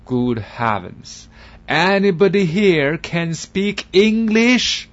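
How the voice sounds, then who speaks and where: A man voicing a bewildered foreign man who asks loudly for help, drawn out. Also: a little high, very animated, slow pace, muffled recording, pitched above the performer's own voice, exaggerated voice.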